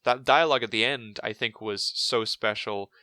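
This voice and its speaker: A man's voice: lowish voice, moderate pace, bright, forceful tone, no echo. A man co-hosting a casual podcast, rambling with lots of fillers and restarts. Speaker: podcast co-host.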